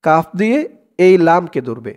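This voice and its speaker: A man teaching Quran recitation, spelling out each word and chanting the verses in long drawn-out tones. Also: on the high side, big pitch swings. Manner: slow drawn-out chanting of verses between plain explanations.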